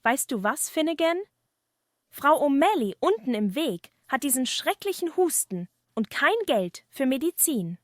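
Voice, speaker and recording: A woman's voice: sits high, very animated, a little slow, no echo, studio quality. A woman voicing a poor, kind-hearted, modest young village man, polite and sincere, in a fireside story. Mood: worried.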